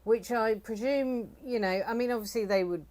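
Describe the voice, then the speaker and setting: A woman's voice: fairly high pitch, normal speed, darkish tone. A woman from the UK co-hosting a reselling channel, chatting casually with many fillers and reading bits from a report. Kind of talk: casual chat.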